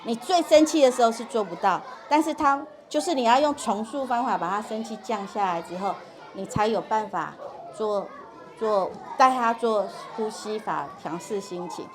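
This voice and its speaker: A middle-aged woman giving a parenting workshop to parents, animated and acting out quoted dialogue. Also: a little high, moderate pace, some chatter behind. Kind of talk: parent education lecture with Q&A.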